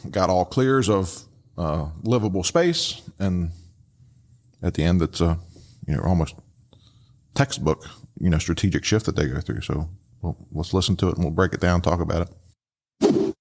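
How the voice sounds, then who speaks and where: A man's voice: sits low, animated, moderate pace, pauses often. A man giving casual, explanatory commentary as a host and instructor. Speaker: host and instructor reviewing radio traffic.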